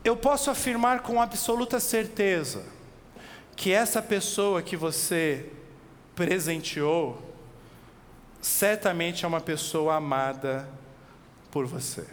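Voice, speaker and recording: High-voiced Brazilian preacher in a reverberant hall. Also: male voice. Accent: Brazilian Portuguese. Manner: animated, asks the listeners direct questions, slows for emphasis. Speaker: pastor. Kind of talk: expository sermon. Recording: long reverb with faint background noise.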